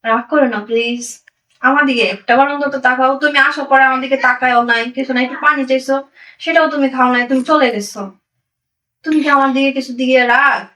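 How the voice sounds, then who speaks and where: An actress playing a deceitful young wife, pleading and wheedling, with a Bangladeshi accent. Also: female voice, sits high, steady tone, quick pace, sharp tone. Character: deceitful young wife hiding spent money. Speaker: migrant worker's wife. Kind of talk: amateur drama acting. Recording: voice distant from the mic.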